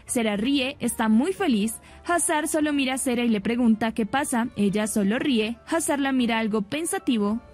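High-voiced woman recapping a soap. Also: moderate pace, hardly any pauses, a little mellow. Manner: plain retelling, quoting each character without changing voice. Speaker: narrator recapping a soap opera. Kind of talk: storytelling recap narration. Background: faint background music.

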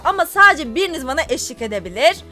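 A woman's voice: high-pitched, big pitch swings, fast talker, over music. Woman doing a bossy male office boss. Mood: pleased. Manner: curt, commanding.

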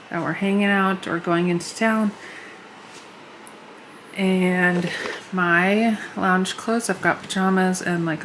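A woman's voice: lowish voice, fairly bright tone, slight background noise, rough recording. A woman in her thirties chatting casually at home as she lists what she is packing for a trip, a bit short of breath from a flu. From United States. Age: 30s. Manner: chatty, lists items as she shows them. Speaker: vlogger. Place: home living room, indoors.

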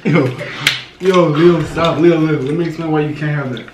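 A man's voice: a little high, fairly even intonation, normal speed. A young man and YouTuber bantering and teasing his friends in casual chat. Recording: echoey room, far from mic, noisy.

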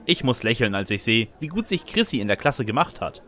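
With a medium pitch and a very animated, fairly quick, somewhat bright delivery, a man voices a sarcastic student narrating his chaotic life. The scripted comic first-person telling makes him both narrator and lead, and his mood is wry throughout.

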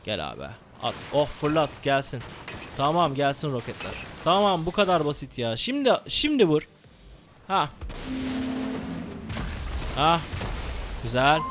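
A young man commenting live on his own gameplay, excitable and swearing, yelling at the game. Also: a little high, measured pace, pauses often. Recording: game music behind the voice. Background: game music and gunfire.

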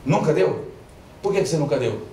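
A man's voice: a little high, expressive, a little fast, mellow, a little hiss or hum. Male pastor, playful call-and-response preaching; mic off at a distance in an echoey hall. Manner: preaching with jokes, drawing responses from the congregation. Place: large church hall with congregation. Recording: echoey church hall, from far off, crowd audible.

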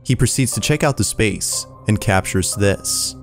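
Low-voiced man narrating suspensefully. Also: creaky, soft background music. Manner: measured, suspenseful storytelling. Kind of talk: scripted narration.

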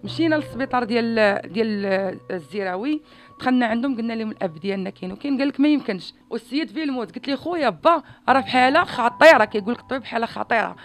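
Urgent, fast-talking Moroccan woman. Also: fairly high pitch, lively intonation. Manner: rapid, urgent, grieving complaint. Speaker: daughter of a deceased patient. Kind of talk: emotional testimony to a news camera.

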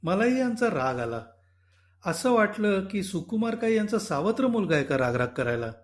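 High-voiced male story reader. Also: big pitch swings, normal speed. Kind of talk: audiobook narration of a short story.

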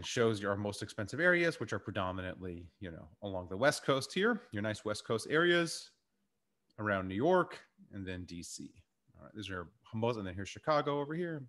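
A man's voice: mid-range voice, a bit bright. A middle-aged man lecturing informally over slides, explaining things in a conversational way. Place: indoors in a warehouse.

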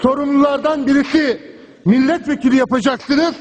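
A man's voice: extremely high pitch, fairly even intonation, moderate pace. A man in parliament gives an impassioned political speech at a rostrum microphone, hammering a repeated refrain. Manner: impassioned oratory with a repeated refrain, pressing on through interruptions. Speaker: member of parliament giving a speech. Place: parliament chamber, speaking from the rostrum. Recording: long hall reverb from a large chamber.

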